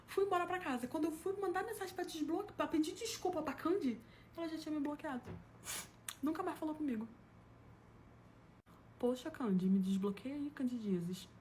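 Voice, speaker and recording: Fast-talking Brazilian woman telling a story. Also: high-pitched, a little hiss or hum. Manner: animated, laughs at her own story, acts out quotes. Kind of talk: casual comic storytelling.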